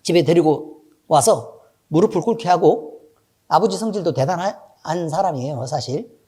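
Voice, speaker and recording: With lively intonation, a breathy edge, and normal speed, a middle-aged pastor tells a story in his sermon. He makes asides to the congregation and alternates between loud emphasis and quiet, low comments.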